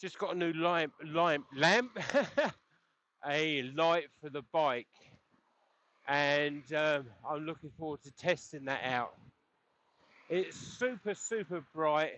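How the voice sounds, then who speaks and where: Riding his bike on the road, a man chats in a loose, chuckling ramble for his cycling vlog, recorded on a helmet intercom headset mic. His voice is a little high and fairly bright, he speaks slowly, and a slight hiss or hum is audible.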